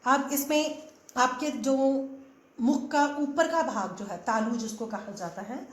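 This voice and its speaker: Speaking a little slowly in an echoey room, a Hindi teacher with a high-pitched, expressive voice leads a grammar lesson. She goes through letters patiently one by one, blending English words into her Hindi.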